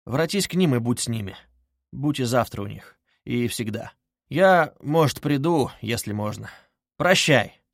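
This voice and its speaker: A man voicing a brooding, troubled young man who speaks in a muted, halting, grim way. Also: medium pitch, lively intonation, creaky, no room sound, studio quality. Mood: curt, heavy.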